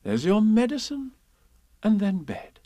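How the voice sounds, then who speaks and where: A motherly female kangaroo from a children's storybook, as a man plays her, with a high, lilting voice. She fusses briskly, soothing and firm at once, her pitch lively. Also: dry recording, heavily acted. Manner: fussing, cheerful, mildly scolding.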